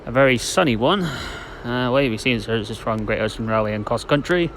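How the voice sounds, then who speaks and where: A man hosts a trainspotting vlog in a casual, matter-of-fact way. His medium-pitched voice is informal and a bit hesitant. It is recorded outdoors on a platform, with clear station noise behind him. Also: a little fast. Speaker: trainspotting video host. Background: station and vehicle noise.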